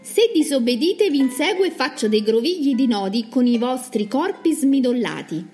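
A woman's voice: high voice, lively intonation, moderate pace, mellow, soft background music. A woman voicing a fearless, cocky young man in a children's storybook, speaking in a brash, scolding and mocking way. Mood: bold.

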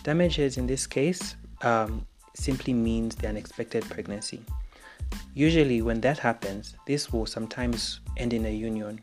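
A young Zambian man talks through his opinion podcast at a middle pitch, earnest and frank, as if reading from his own script. His Zambian English accent is clear, and faint music plays under his voice. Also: measured pace, a little mellow. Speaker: podcast host.

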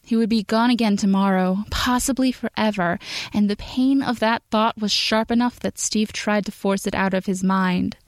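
A woman reading a story aloud in steady, measured scripted narration. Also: mid-range voice, no echo. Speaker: podfic reader.

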